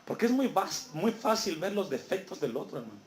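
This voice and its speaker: High-voiced man preaching in an echoey church. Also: big pitch swings, fairly quick, a little hiss or hum. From Mexico. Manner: asks the congregation to fill in words, reads scripture aloud. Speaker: pastor. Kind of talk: sermon.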